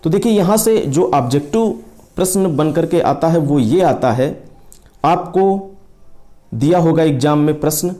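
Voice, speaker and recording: Man teaching slowly with a mellow voice. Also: a little high, animated. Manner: explains step by step, repeats key terms, stretches vowels to demonstrate. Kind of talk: exam-prep lesson.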